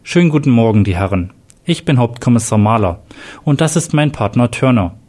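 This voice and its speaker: A man's voice: mid-range voice, animated, fairly quick, darkish tone, close to an everyday voice. A man voicing a cool, authoritative male homicide inspector in a read-aloud crime story, formal and self-assured.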